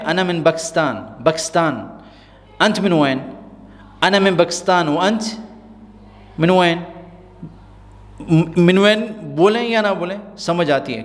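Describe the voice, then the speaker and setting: Man drilling phrases slowly. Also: on the high side, in a large hall. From Pakistan. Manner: repeats example phrases slowly and deliberately. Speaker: Arabic teacher. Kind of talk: spoken-language lesson with slow drilled examples.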